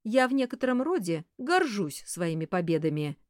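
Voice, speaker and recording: A brusque, rough-spoken male executive, read by a woman narrator, quick to indignation. The voice swings widely in pitch and sits close and dry on the mic, an audiobook reading. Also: big pitch swings, no echo, close to an everyday voice. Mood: gruff. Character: brusque middle-aged male commercial director.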